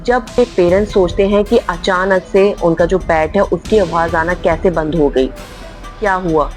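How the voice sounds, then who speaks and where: A woman's voice: on the low side, moderate pace. A woman narrating a spooky horror story in a dramatic, emphatic way, often stressing how very scary things were. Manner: dramatic, repeats "very much" for emphasis. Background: faint music.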